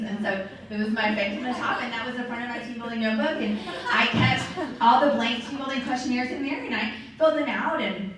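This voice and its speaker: A woman giving a lively, chatty motivational talk to a meeting of sales directors. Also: on the high side. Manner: lively, chatty, acts out quoted voices. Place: meeting room or hall. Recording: distant mic in a very echoey hall.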